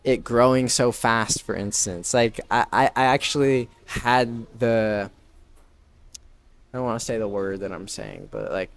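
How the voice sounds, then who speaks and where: A man's voice: mid-range voice, lively intonation, a little slow, creaky. A man in his twenties, a podcast guest who runs a branding business, speaking in a casual conversational way that is full of "like" and "right?". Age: 20s. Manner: filler-heavy, frequent "like" and "right?" tags.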